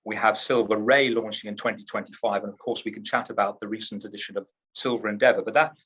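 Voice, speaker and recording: A man's voice: fairly low pitch, steady tone, fast, a bit bright, breathy edge, highs cut off. A man from the UK, a cruise line executive in a trade interview, talks up his company in an upbeat, salesy way and often restarts his words.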